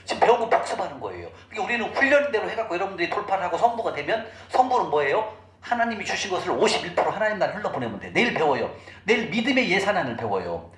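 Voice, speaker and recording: A man's voice: high voice, sing-song, rapid-fire, hardly any pauses, a bit bright. A middle-aged man giving a church finance lecture. He talks sermon-style and keeps asking the audience questions. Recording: echoey room recording with faint noise.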